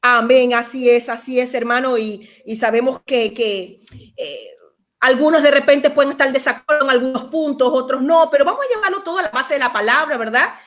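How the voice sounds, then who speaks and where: A Venezuelan woman with a high, somewhat fast voice hosts a church talk program. Warm and preacherly, she sprinkles her speech with frequent amens.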